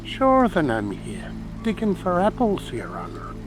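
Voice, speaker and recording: A rustic servant creature from a storybook, deferential yet reluctant. The folksy voice swings widely in pitch over music and rain. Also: male voice, wildly swooping pitch, a little slow, exaggerated voice. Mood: servile, reluctant. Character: servile, reluctant rustic male animal servant. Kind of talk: dramatic audiobook character acting. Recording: music and rain ambience behind.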